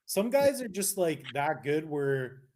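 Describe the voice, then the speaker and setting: A young Canadian man co-hosting a casual live stream, talking in an animated, argumentative way with many restarts. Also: on the high side, takes it slowly, a little hiss or hum. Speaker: co-host.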